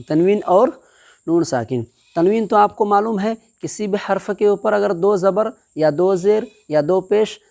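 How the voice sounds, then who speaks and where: A woman's voice: lowish voice, warm tone. A woman teaching Quran reading step by step, patiently spelling out syllables and checking that the learner understands. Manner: patient, repeats syllables slowly and asks "understood?". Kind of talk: step-by-step recitation lesson.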